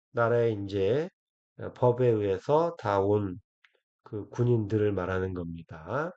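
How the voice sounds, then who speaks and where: A man teaches translation in a recorded lecture, pausing often and dragging out each English phrase slowly. His voice sits at a middling pitch. The recording sounds dull and lo-fi. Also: a little mellow. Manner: slow, drawn-out English phrases between brisker explanations, many fillers.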